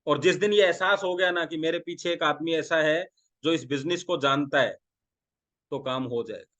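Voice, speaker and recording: A man from India with a fairly high voice gives a sales training talk. He keeps putting questions to his listeners and acts out little exchanges between a seller and a buyer. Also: normal speed, a bit bright. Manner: talks through role-played dialogues, asking the audience questions. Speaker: direct selling trainer.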